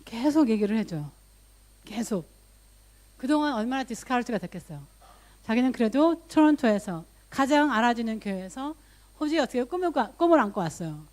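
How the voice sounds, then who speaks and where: A woman pastor preaches in a relaxed, story-driven manner, mixing English loanwords into her talk. Her voice sits a little high for a woman, and she lifts it further when she voices her own prayers. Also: fairly quick. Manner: conversational storytelling, voice rising for quoted prayers; mixes English loanwords into speech. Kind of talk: sermon.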